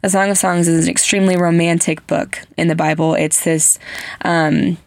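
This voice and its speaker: Gravelly, chatty woman podcast host. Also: lowish voice, level tone, normal speed, a little mellow. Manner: chatty, heavy use of "like" fillers; earnest, gushing storyteller. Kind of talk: casual chat.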